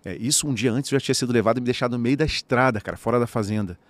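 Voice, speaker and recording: This is a Brazilian man in the middle of an eager podcast story. He talks at a very fast clip with a mid-range pitch, leaning on constant fillers, and the studio sound is dry and close. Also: no room sound. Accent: Brazilian Portuguese. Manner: rapid, animated storytelling with frequent "né" and "cara". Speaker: podcast guest.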